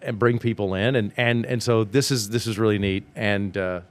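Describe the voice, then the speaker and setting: A man's voice: fairly low pitch, steady tone, normal speed. A man, a news anchor, co-hosting a casual podcast, joking and rambling with many restarts. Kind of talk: casual chat.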